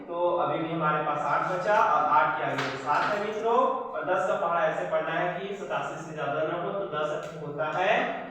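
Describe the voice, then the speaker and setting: A man tutoring maths, working a problem through step by step and speaking warmly to his viewers as friends. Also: fairly high pitch, slight background noise. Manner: reads out figures slowly, step by step; says "friends" and "yaar" to the viewers. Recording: echoey room, far from the mic.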